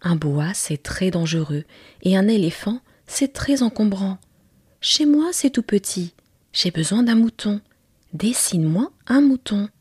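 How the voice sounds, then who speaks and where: A curious little boy prince from a tiny planet, played by a woman in whispered role-play, his breathy half-whispered voice pitched up high and eager. He asks earnest questions, recorded close and dry with no room around him. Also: lively intonation, measured pace, darkish tone, dry recording. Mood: insistent. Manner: higher, eager childlike questioning.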